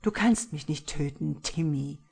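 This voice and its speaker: A woman's voice: low voice, gravelly, a little mellow, slightly rough, exaggerated voice. Woman playing a mocking demonic killer. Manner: slow, mocking, taunting. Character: sneering demonic male killer, calm and cruel.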